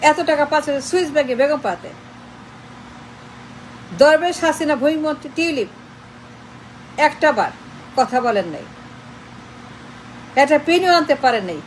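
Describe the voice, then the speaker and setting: High-voiced, confrontational woman commentator. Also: slight background noise, low-quality recording. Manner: confrontational, fires repeated rhetorical questions; switches between Bengali and English. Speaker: political commentator. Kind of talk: impassioned online political monologue.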